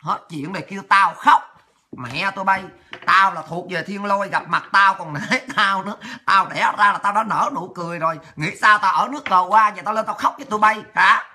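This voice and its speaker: A woman's voice: medium pitch, a little fast, bright, forceful tone. A woman hosting a political commentary show, crude, combative and mocking.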